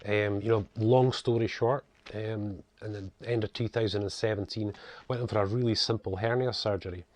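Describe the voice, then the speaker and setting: A man's voice: fairly low pitch, fairly even intonation, moderate pace, darkish tone, no room sound. A middle-aged man with a broad northeast Scottish accent, slightly toned down, giving a chatty, casual introduction as an author presenting his own videos. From northeast coast of Scotland. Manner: chatty, frequent 'you guys' and 'you know'. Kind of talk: casual spoken introduction to camera.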